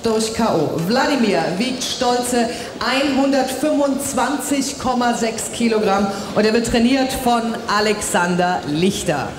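Echoey high-voiced female boxing ring announcer, showy delivery. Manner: showy drawn-out fighter introductions. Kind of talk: live boxing gala announcing. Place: large indoor boxing arena. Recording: echoey arena PA with crowd noise. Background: crowd noise.

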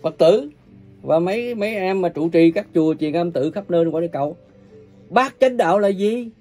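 A man preaching an angry, ranting sermon, cursing and scolding his listeners with coarse insults, his volume swinging from loud bursts to low mutters. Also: a little fast, faint music behind. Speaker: self-proclaimed religious preacher.

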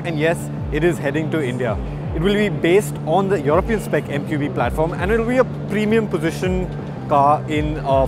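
A man in his thirties walks viewers through new cars at a big indoor auto show, upbeat and explanatory. His voice sits a little high. Loud music plays behind him. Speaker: motoring journalist presenter. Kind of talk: presenting a car show walkaround.

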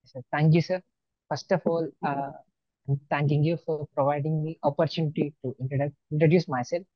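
A man's voice: fairly high pitch, steady tone, fairly quick, no room sound. Male student, early twenties, native Telugu with Telugu Indian accent, interviewee on dull earphone-mic call audio. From Andhra Pradesh, India. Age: early 20s. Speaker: student exam topper being interviewed. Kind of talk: interview answers on a video call. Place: small plain room indoors. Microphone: wired earphones on video call.

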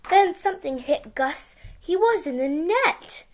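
A woman reading a picture book aloud to young children with simple, expressive storytelling, recorded in a small room on a device mic. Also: very high-pitched, unhurried, a little hiss or hum. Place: small indoor room with bookshelves.

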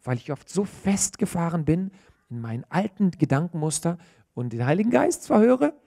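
A man in his thirties preaching a sermon in church, earnest and animated, often restarting mid-phrase. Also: a little high, moderate pace, creaky.

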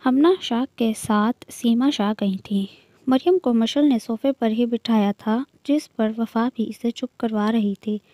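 Woman reading a novel aloud, mellow. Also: on the high side, a little slow, no room sound. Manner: steady storytelling reading. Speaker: narrator.

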